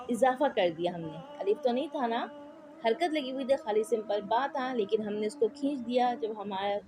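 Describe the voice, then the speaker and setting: A woman teaching Quran reading in a patient, explanatory way. She repeats each point and keeps checking that her students follow. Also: on the high side. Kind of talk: slow explanatory lesson with spelled-out drills.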